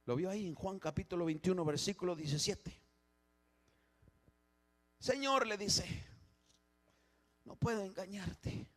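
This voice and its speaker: A man preaching a sermon as pastor in a church, swinging from hushed, quiet passages to loud emphatic ones and often repeating and restarting his phrases. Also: high voice, a little slow, pauses often.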